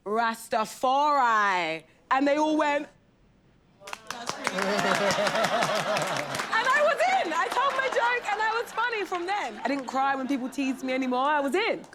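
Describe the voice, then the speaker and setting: A woman's voice: high-pitched, unhurried, pauses often, crowd noise, noisy background. A woman comedian telling a self-mocking childhood story to a group, acting out her family as she goes. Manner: animated, self-mocking, acts out family voices. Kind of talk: casual storytelling in a group conversation.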